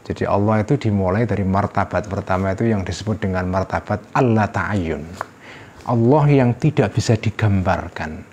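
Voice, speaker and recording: A middle-aged man teaching a classical religious text in a relaxed study-circle lecture, thinking aloud with rhetorical questions and short tag words, and lifting his voice sharply when he quotes an exclamation. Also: lowish voice, moderate pace, a little hiss or hum.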